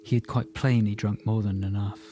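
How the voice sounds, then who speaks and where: A man narrating an audiobook in a calm, even storytelling manner. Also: on the low side, brisk, faint music behind. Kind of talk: scripted narration.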